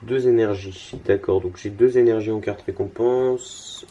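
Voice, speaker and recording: Low, husky young man narrating a card game. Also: steady tone, measured pace, warm tone. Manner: rambling, thinking aloud with many fillers and restarts. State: yawning, tired. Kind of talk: casual gameplay commentary.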